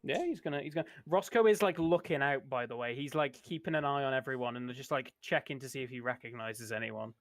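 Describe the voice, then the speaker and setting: A man's voice: medium pitch, quick pace, few pauses, dry recording. Chatty laughing man playing a tabletop game. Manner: laughing, chatty, narrates his character's actions. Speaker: player. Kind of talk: casual tabletop play.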